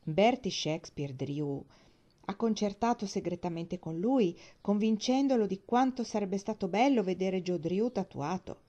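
Woman narrating audiobook, expressive, low warm tone, dull lo-fi sound. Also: measured pace. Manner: expressive storytelling. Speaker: audiobook reader. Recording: dull lo-fi recording.

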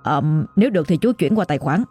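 A woman's voice: low-pitched, lively intonation, fast talker, dark tone, slightly rough, faint music behind, full character voice. A woman voicing a polite young man who retrieves bodies and bargains. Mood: wheedling. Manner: deferential, wheedling.

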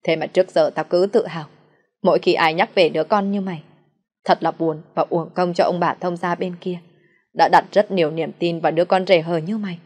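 A woman with a low voice reading the lines of a stern, quick-tempered middle-aged father who rebukes his son. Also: fairly even intonation. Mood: enraged.

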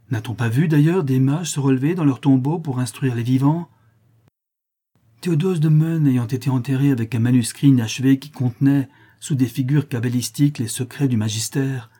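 A man's voice: on the high side, mellow, slightly rough, voice pushed up. A man voicing a fervent, greedy young male disciple of an alchemist, in an imploring, feverish manner. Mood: desperate. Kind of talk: audiobook character reading.

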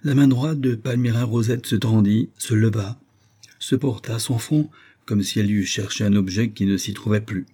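A man narrating an audiobook in a measured, expressive reading. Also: fairly low pitch, slightly rough.

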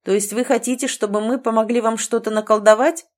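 A woman voicing a young male captive who speaks in sharp, indignant demands. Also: on the high side, steady tone, fairly quick, lightly acted.

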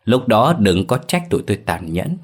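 A man's voice: fairly low pitch, sing-song, moderate pace. A man voicing a cold, sneering male kidnapper who makes threats. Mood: menacing.

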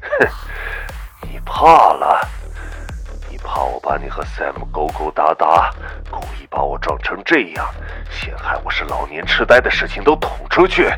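An actor playing a bitter, bedridden man who speaks hoarsely through gritted teeth and sneers in an audio drama. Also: on the high side, wildly swooping pitch, unhurried, pushed and bright, faint music behind, exaggerated voice. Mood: sneering. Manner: snarling, sneering.

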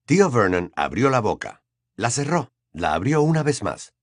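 A man narrates an audiobook from a script, telling the story expressively in a medium-pitched voice at normal speed. The recording is clean studio sound with no echo.

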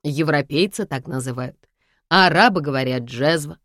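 A woman reading an audiobook voices a calm, gently teasing young man who speaks matter-of-factly. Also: deep voice, normal speed, no room sound, studio quality.

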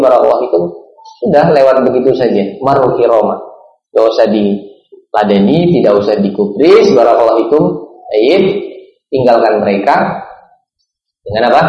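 Male preacher, mid pitch, measured delivery, roomy and dull recording. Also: darkish tone. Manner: repeats a set blessing, slow pauses, asks and answers himself. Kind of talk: religious lecture.

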